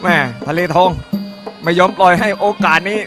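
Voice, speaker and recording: A ringside commentator calls a live Muay Thai fight in short, punchy, often repeated phrases, with music in the background. His voice sits high, with fairly even intonation and a moderate pace.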